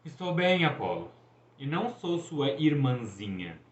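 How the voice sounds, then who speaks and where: A man's voice: mid-range voice, sing-song, unhurried. A man voicing a stern, weary young goddess huntress who speaks curtly. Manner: curt, exasperated. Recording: echoey, dull room recording.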